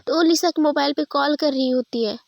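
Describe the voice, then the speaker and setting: A woman's voice: high voice, brisk, gravelly, no room sound, lo-fi sound. Woman narrator, casual episodic storytelling, chatty and self-correcting, dry close recording.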